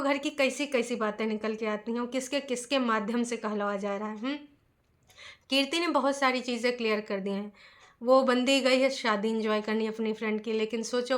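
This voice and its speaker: A woman vlogger giving opinionated commentary in a chatty way, often posing rhetorical questions to her viewers. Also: a little high.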